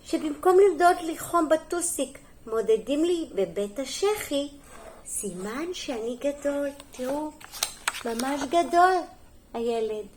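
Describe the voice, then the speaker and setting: A middle-aged kindergarten teacher reading a storybook aloud to young children, gentle and sing-song, pausing for little asides and questions. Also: female voice, high-pitched, expressive.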